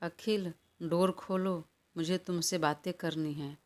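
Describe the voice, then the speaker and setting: A woman's voice: on the low side, steady tone, unhurried, darkish tone, lightly acted. A woman reading an audio story, voicing a stubborn, hot-tempered young woman in a quarrelsome, defiant manner. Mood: demanding. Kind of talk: audiobook character voice.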